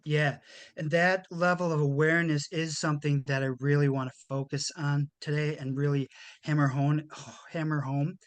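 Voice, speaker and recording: A man as an interview guest, explaining communication in a measured, thoughtful way and often restarting his phrases. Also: fairly high pitch, no room sound.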